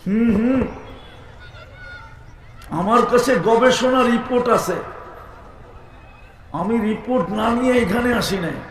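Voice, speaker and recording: Man, preacher, live sermon, slow and high-pitched, echoey event, faint background hum. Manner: calls out questions to the crowd and shouts emphatic lines; chants Arabic recitation.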